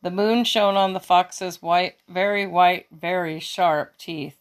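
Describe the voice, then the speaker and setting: A woman reading a children's picture book aloud, slow and expressive, now and then fixing a slipped word. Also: lowish voice. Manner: slow, expressive storytelling with small self-corrections. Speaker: children's story reader.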